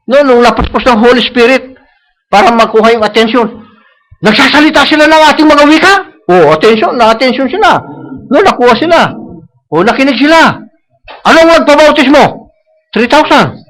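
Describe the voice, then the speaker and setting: A man's voice: very high voice, a bit bright, rough recording. A man preaching a sermon at a church service, mixing Tagalog and English, repeating points for emphasis and tagging lines with a questioning "No?". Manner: switches between Tagalog and English, tags lines with "No?".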